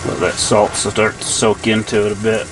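A man's voice: on the low side, normal speed, noisy background. A middle-aged man camping in a tent at night, casually walking viewers through cooking a steak step by step. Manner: relaxed, talks viewers through each step. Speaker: camping vlogger, dad. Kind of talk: casual how-to narration while cooking. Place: inside a small heated tent at night. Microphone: camera on the table, headlamp on.

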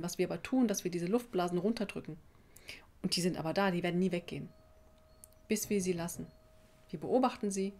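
Female presenter, thirties, native Arabic speaker, medium pitch, direct and conversational self-help explainer. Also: a little mellow. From Tunisia. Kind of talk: informal explanatory talk to camera. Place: small office indoors.

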